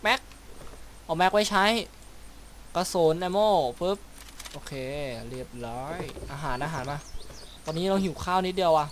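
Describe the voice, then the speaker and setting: A man's voice: sits high, lively intonation, normal speed, pauses often, slight background noise. A man giving casual let's-play commentary as a gaming video host, chatty and given to making little mouth sound effects. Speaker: gaming YouTuber. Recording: loud game sounds behind voice.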